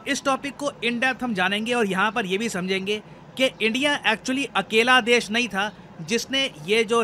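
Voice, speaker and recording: A man's voice: high voice, bright, forceful tone, a little hiss or hum. A man explaining current affairs to viewers in a conversational, code-mixed lecture style. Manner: Hindi-English code-mixing, conversational explaining.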